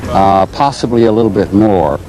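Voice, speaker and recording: A man's voice: lowish voice, lively intonation, normal speed, noisy background. A man in his sixties, a veteran player, giving casual remarks in an interview. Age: 60s.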